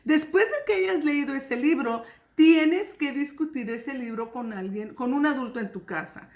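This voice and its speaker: A woman's voice: sits high, a little mellow. A woman teaching a remote kindergarten lesson, speaking patiently and drawing out sounds for young children. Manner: slow, patient, drawn-out sounds, checks in with "ok?".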